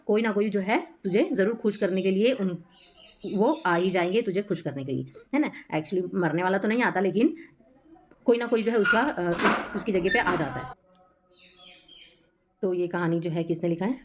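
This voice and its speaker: A woman with a fairly low voice and explains a poem line by line, like a teacher talking to a class. She often checks in with "hai na" and repeats key phrases to make them stick. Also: slight background noise. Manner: frequent "hai na" tag questions, repeats each line.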